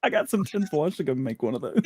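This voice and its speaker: A man hosting a casual podcast chat, animated and laughing a lot. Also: on the high side, fast, creaky, husky, dry recording, clean studio sound. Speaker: show host.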